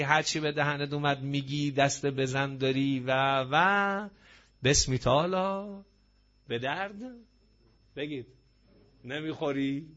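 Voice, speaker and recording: A man's voice: a little high, a bit bright. A man giving a religious sermon to a gathering, emphatic and full of rhetorical questions. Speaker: preacher. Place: gathering hall with audience. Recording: dull lo-fi audio.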